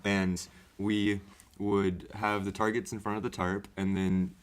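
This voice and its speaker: A man on a podcast panel tells an anecdote casually. His voice is slightly low and his phrasing colloquial, checking in with his listeners as he goes. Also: flat delivery, unhurried, clean tone.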